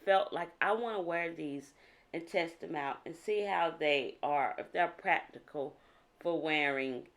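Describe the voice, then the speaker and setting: A woman from South Carolina chatting casually to camera as a nail vlogger, her voice deep and froggy from just waking up. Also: measured pace. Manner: relaxed, chatty, with fillers. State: deep morning voice.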